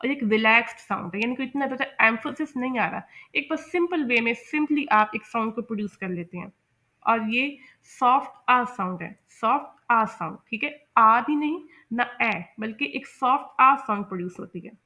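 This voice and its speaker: A woman with a fairly high voice gives a patient lesson on English pronunciation. She repeats each example word slowly and keeps checking that her learners follow. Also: animated, bright, forceful tone. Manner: patient, repeats words slowly, often asks "ठीक है?". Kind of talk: explaining a lesson from slides.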